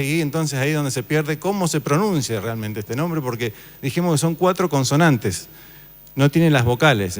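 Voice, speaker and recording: A man giving an informal Bible class, talking casually and quizzing his listeners. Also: medium pitch. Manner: conversational, asks the audience questions. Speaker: church teacher. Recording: reverberant hall.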